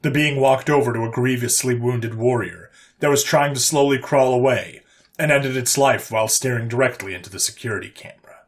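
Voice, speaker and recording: A man reading aloud a science fiction war story for an online audience. His pitch sits in an ordinary middle range. The delivery is steady and even, paced like a careful narration. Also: fairly quick. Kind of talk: scripted sci-fi story narration.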